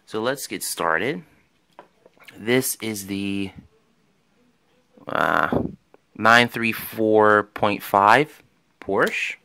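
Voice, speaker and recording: A man's voice: on the low side, drawn-out words, gravelly, pauses often, pushed and bright. A man casually showing off his toy car finds in a vlog, rambling and enthusiastic, with many ums and restarts. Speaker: toy car collector vlogger. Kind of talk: casual show-and-tell vlog.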